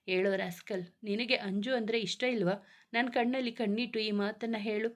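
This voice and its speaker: A protective older brother scolds quickly, then turns fond and warm about his sister, as a woman reading the story voices him. The delivery stays close to a plain storybook reading. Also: medium pitch, fairly even intonation, natural voice. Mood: scolding. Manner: scolding, affectionate.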